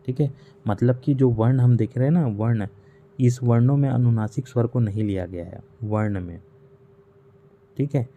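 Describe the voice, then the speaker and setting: Mellow-voiced man teaching a lesson. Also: medium pitch. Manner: patient, repeats points with rhetorical questions. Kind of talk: explaining a grammar lesson. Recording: slightly dull recording with faint hiss.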